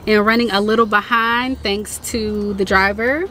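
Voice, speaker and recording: A woman's voice: medium pitch, fairly even intonation, moderate pace, background noise. A woman food vlogger, chatting upbeat to her viewers, recorded on a phone in a car. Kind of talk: casual vlog chat to camera. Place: inside a car.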